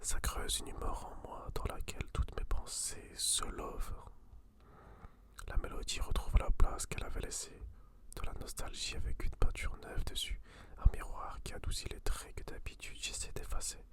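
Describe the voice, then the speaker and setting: A person whispering in a hushed library whisper, chatting casually about books and reading aloud in an intimate ASMR style. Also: normal speed. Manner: informal, slangy. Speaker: host reviewing books.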